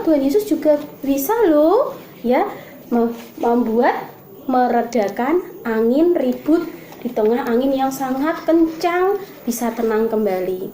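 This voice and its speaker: A woman teaching Sunday school, telling a story to children in a lively way and asking them questions. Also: high-pitched. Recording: echoey room with faint noise.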